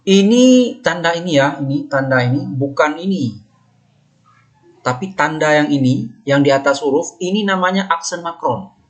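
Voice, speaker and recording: A man teaching a recorded lesson, patiently explaining and repeating each term slowly while pointing at marks on a slide. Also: fairly high pitch, lively intonation. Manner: patient, explanatory, with many fillers.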